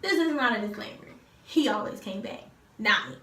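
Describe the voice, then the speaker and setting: A woman's voice: on the high side, animated, a little fast, pushed and bright. An eighteen-year-old woman casually telling viewers her love story, chatty and full of fillers, acting out what others said. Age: teens. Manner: chatty, lots of fillers, acts out quotes. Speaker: vlogger telling a couple's story. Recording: roomy echo, distant mic, faint noise.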